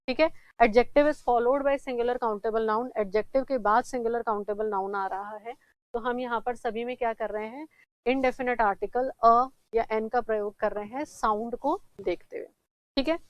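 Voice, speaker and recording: A woman teaching English grammar in a classroom-style lesson, asking questions and answering them herself, repeating examples slowly. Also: a little high, smooth, dry recording, poor audio.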